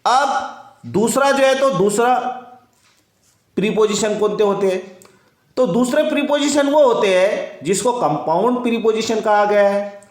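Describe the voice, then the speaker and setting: A man teaching an English grammar lesson, explaining slowly and repeating himself with many fillers. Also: sits high, reverberant.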